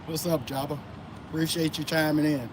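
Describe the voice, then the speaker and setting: Outdoors over loud traffic, a Florida man hosts a casual motivational livestream, talking loosely and greeting chat viewers by name. His voice is on the high side with little pitch movement, and he speaks a little fast.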